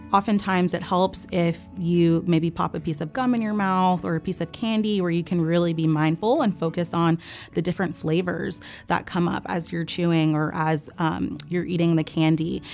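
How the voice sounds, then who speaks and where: A woman speaks as a therapist teaching a calming technique. Her voice sits a little on the low side, and her delivery is calm and gently instructive. Soft music plays faintly behind her. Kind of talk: instructional explanation of a calming exercise. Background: background music.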